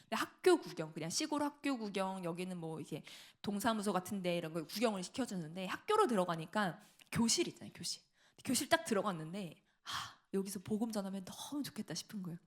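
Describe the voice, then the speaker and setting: A middle-aged woman giving a sermon testimony in a church, telling her story with lively asides and acted-out quotes. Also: mid-range voice, quick pace. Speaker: preacher. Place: church sanctuary.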